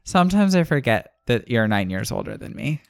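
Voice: medium pitch, very animated, brisk, creaky, dry recording, studio quality. A podcast co-host reacting in casual chat, playful and chatty.

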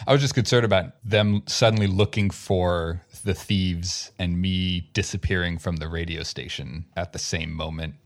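A man with a very low voice plays a tabletop game, working out his plans out loud in a loose, rambling way. He laughs easily and talks in casual, conversational bursts. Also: moderate pace, hardly any pauses. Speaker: player.

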